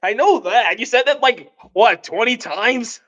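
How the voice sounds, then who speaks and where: A man's voice: very high-pitched, expressive, measured pace, a bit bright, dull audio. A man hosting a casual podcast, chatty and laughing as he talks about the cartoon voices he does. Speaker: podcast host.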